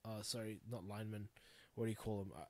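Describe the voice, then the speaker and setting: On the low side and slightly mellow, this man's voice moves at a quick pace with flat delivery. He's a blunt New Zealand podcast host in his thirties, swearing freely in a rambling, heartfelt solo monologue.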